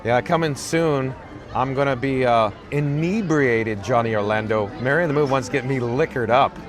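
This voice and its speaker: Recorded on the camera rig he's holding, a raspy man streams from a parade route, reading chat aloud in a flat, wry, self-mocking tone. His voice is mid-range and his pace moderate. Behind him are crowd sounds and music.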